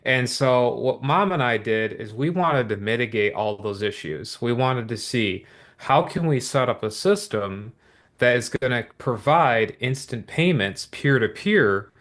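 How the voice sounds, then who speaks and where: Steadily eager, a man sells viewers on a business opportunity in an upbeat online pitch. His voice sits at a typical middle pitch for a man, and he keeps repeating himself motivationally, tossing in quick asides and rhetorical questions.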